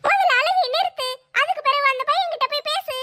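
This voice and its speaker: A woman's voice: very high-pitched, fairly quick, pushed and bright. A woman voicing a bold, bossy older sister who scolds and reassures in a brash way.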